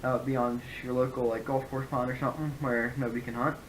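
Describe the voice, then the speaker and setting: A man's voice: mid-range voice, flat delivery, quick pace, a little hiss or hum, poor audio. A man giving a casual, rambling product review, often correcting himself as he explains. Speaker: hunting gear reviewer.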